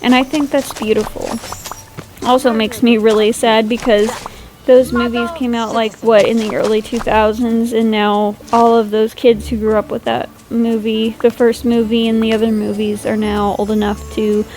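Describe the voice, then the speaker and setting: A woman's voice: on the high side, little pitch movement, normal speed, darkish tone, rough recording. A woman chatting casually over her gameplay, rambling and self-deprecating, sleepy and yawning late at night. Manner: gushes over cute animals. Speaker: gaming YouTuber.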